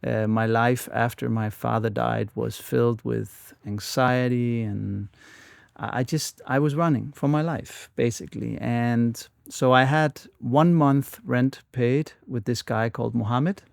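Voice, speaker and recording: A man in his forties with a Danish accent, telling his life story as a guest in a halting, repeating way. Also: medium pitch, steady tone, creaky, dry recording, studio quality. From Denmark. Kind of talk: casual interview storytelling. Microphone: studio microphone.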